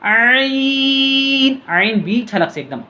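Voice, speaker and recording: A man teaching letter reading step by step. He calls out each letter name in a long, drawn-out tone, then explains quietly in a lower voice. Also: expressive, muffled recording. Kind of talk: patient step-by-step reading lesson.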